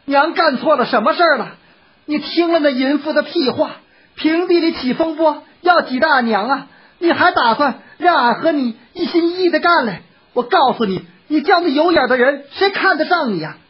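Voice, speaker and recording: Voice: high-pitched, animated, voice pushed up. Chunmei, a storyteller doing a fiery defiant maid. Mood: furious. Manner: scolding, rapid outburst. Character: indignant young maidservant, fiery and defiant. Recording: dull lo-fi recording.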